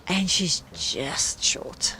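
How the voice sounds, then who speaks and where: Low-voiced South African woman commentating, noisy surroundings. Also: very animated, extremely slow. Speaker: commentator and club marketing organiser. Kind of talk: live sports commentary.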